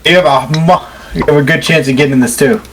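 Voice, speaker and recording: Slightly high-voiced man, gaming banter. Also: steady tone, fast talker, noisy background. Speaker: player in a group gaming video.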